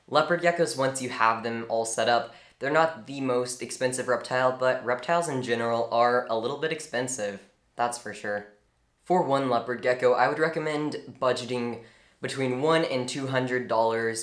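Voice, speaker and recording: Young man, pet care tutorial, earnest, animated, roomy echo. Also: medium pitch. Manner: earnest, animated, strong opinions. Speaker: reptile care educator. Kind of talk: informal instructional talk. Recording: echoey room.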